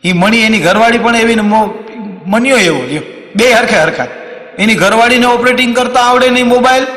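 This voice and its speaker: A man from Saurashtra with a Kathiawari Gujarati accent, telling comic stories on stage in a lively way. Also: high-pitched. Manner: lively, swings into loud acted quotes. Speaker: stand-up comedian. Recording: long hall reverb on a stage mic.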